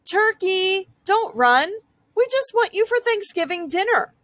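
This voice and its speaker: A woman's voice: extremely high pitch, very animated, unhurried, a bit bright, no echo, pitched above the performer's own voice, full character voice. A woman voicing a kindly, determined male moose in a storybook, courteous and sweetly insistent. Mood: earnest, cheerful.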